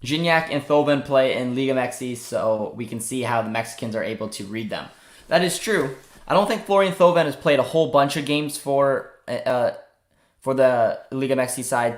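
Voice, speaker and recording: A young man from Canada chats loosely as he hosts a live football watchalong, reading out viewer comments between reactions. His voice sits in a middle pitch range. The sound has a roomy echo around it. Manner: chatty, reads viewer comments aloud and reacts. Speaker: livestream host.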